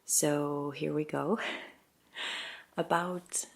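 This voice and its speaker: A young woman with a low voice and a gravelly, fry-laden edge speaks softly to her viewers. She chats casually and a little hesitantly, pausing on small fillers as she tells her side of a story. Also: fairly even intonation. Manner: soft, hesitant, many ums, light laughs. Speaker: ASMR creator. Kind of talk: soft-spoken casual chat to viewers.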